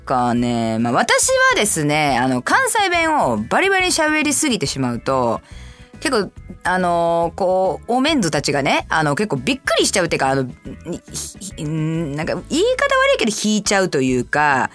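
Woman host from Kansai, light Kansai accent, casual solo radio talk, animated pitch leaps, faint music bed. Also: moderate pace. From Kansai, Japan. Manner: chatty, animated, jumps to high playful asides. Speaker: radio show host reading listener letters.

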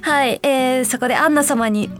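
A woman's voice: high voice, normal speed, faint music behind. A young woman from Osaka hosting a casual radio show, chatting in a friendly way and thinking aloud between listener letters. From Osaka, Japan.

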